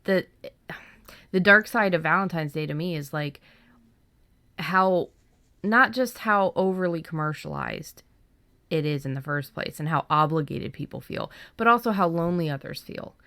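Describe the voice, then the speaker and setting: A podcast co-host talks about fiction writing in a casual, conversational way. Her voice is fairly low and fairly bright, at a moderate pace, and the recording is dry.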